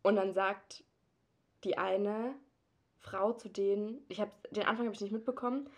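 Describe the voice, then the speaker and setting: A young woman co-hosting a podcast tells a work anecdote in casual chat, acting out the quotes and laughing often. Her mid-range voice has a steady tone and a normal speed.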